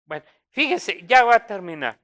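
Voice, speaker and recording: A woman's voice: medium pitch, big pitch swings, normal speed, a bit bright. Woman preaching a folksy sermon. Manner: conversational preaching with rhetorical questions and emphatic rises.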